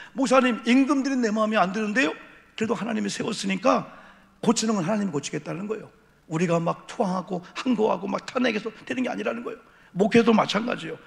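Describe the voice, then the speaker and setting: Gravelly middle-aged pastor preaching in a reverberant church. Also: male voice, high voice. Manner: emphatic preaching with repeated refrains and rhetorical questions. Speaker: senior pastor. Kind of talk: sermon. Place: church sanctuary at an evening service. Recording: echoey church hall reverb.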